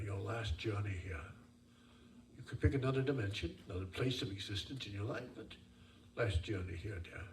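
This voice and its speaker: A man with a fairly low voice delivers seance medium readings, emphatic and given to repeating his phrases. He speaks to sitters directly, as if passing on messages from spirits. The recording is echoey, picked up at some distance from the microphone. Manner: addresses listeners as dear and sir, repeats phrases. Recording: roomy, distant mic, faint noise.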